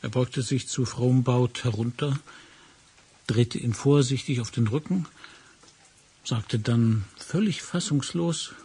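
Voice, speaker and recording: A man reading a first-person crime story aloud, measured and dropping to a hush at tense moments. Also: mid-range voice, slightly rough. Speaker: audiobook narrator.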